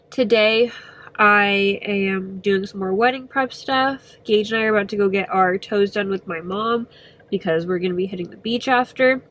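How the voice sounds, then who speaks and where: A woman's voice: medium pitch, a bit bright, a little hiss or hum. A young woman in her twenties, stuffy and congested, chatting casually to camera with lots of fillers. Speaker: vlogger. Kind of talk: casual vlog chat.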